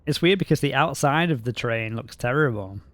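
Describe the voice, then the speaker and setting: A man's voice: medium pitch, animated, normal speed. A man streaming a video game, making dry, wry casual commentary.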